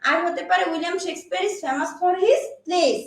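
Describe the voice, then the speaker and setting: A woman teaching English literature as a classroom lecture, explaining step by step and often checking that students follow. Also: extremely high pitch. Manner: explains slowly, checks understanding with repeated questions. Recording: echoey room, voice from far off.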